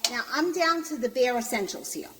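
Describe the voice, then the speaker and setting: In an echoey apartment kitchen, a mature woman with a Brooklyn accent talks briskly while cooking, her high voice full of lively intonation. The casual demonstration is shot on a handheld camera without a tripod, and a sizzling pan and stirring are clearly heard.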